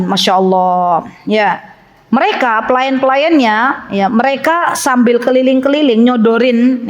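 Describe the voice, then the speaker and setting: Lively woman teaching a women's study group. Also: a little high, highs cut off. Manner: lively, playful, acts out little scenes. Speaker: Islamic religious teacher. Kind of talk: religious study talk to women.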